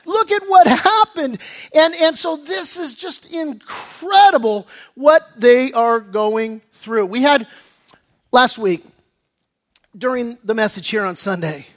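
Reading from scripture during his sermon, this American pastor speaks slowly and at a very high pitch. His explanation of the passage becomes increasingly animated and excited.

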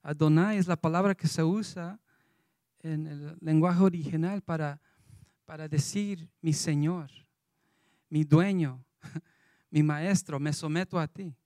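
Mellow-voiced man preaching a sermon. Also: on the high side, slow pace, long pauses, no room sound. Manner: reads scripture aloud, loose and conversational.

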